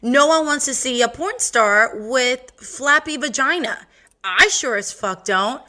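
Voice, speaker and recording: A young woman with a bright, sharp voice and a Valley Girl accent runs her podcast in a sassy, profane, sing-song drawl. She talks slowly and sits a touch high. Faint music plays behind her. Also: lively intonation. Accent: Californian Valley Girl. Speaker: podcast host. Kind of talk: casual monologue.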